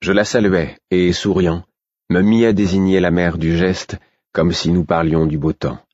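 A man reading a fantasy novel aloud in the first person, steady and restrained, in a slightly dull recording. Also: low-pitched, measured pace, dry recording. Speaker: audiobook narrator. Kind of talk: scripted narration of a fantasy novel.

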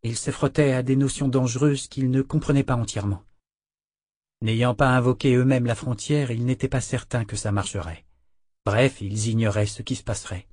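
A haunted young woman, as a male narrator puts her on, fragile and frightened, her soft voice trembling and slipping into whispers. The tone is husky and dark in a dry, close storybook reading. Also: mid-range voice, fairly even intonation, normal speed, no room sound, lightly acted. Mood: grave.

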